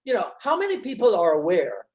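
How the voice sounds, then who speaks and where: A man's voice: high-pitched, huge pitch swings, a little fast. Easygoing man. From Barbados. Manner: easygoing, agreeable, frequent affirmations. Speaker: podcast host. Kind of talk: casual conversation.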